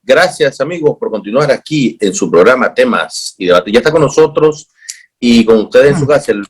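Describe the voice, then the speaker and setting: A man's voice: mid-range voice, breathy edge. A man hosting a TV talk show, formal and emphatic, often restarting his phrases. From Nicaragua.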